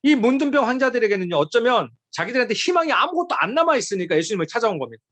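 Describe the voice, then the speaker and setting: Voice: mid-range voice, sing-song, very fast, fairly bright tone, no echo. A preacher giving a sermon to a youth group, emphatic and pleading, with many rhetorical questions.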